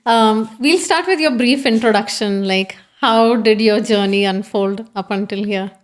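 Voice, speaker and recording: A woman's voice: on the high side, measured pace. A woman hosting a podcast, delivering a scripted welcome and then interviewing her guest. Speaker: podcast host.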